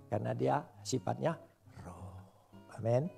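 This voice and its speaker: A man preaching a sermon to a congregation, animated, swinging between loud and soft and joking with the listeners. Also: medium pitch, measured pace, creaky, faint music behind. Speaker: pastor.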